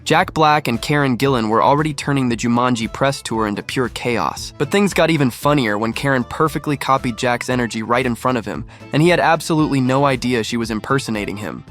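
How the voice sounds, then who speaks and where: A man's voice: mid-range voice, fairly quick, few pauses, loud music behind the voice. A man giving scripted, upbeat narration for a compilation of comedy clips.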